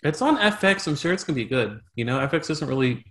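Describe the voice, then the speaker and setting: A man hosting a casual podcast chat, relaxed and trailing off into mumbled asides. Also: on the high side, quick pace. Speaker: podcast host.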